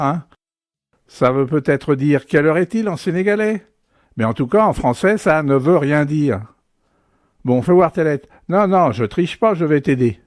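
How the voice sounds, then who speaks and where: A man's voice: a little high, a little mellow, dry recording, clean studio sound. A man playing a snide, bossy father. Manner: teasing, condescending, bickering. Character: sarcastic bossy middle-aged father, family scrabble game. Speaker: father keeping score. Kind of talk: comedy sketch monologue.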